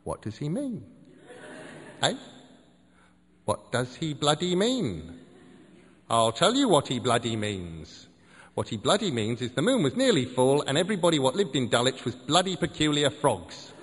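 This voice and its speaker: A man's voice: medium pitch, sing-song, normal speed, long pauses, slightly rough, long reverb tail. A man voicing a ranting middle-aged male cult acolyte in a pub, with an indignant, matter-of-fact manner.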